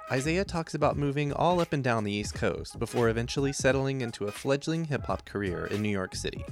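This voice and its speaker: A man's voice: lowish voice, vocal fry. An American man reading a scripted podcast introduction as its host.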